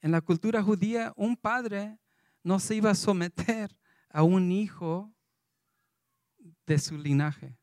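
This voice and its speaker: Reading scripture aloud between his remarks, a man with a fairly high, mellow voice delivers a loose, conversational sermon. He speaks slowly with long pauses, and the recording is dry and close with no room sound.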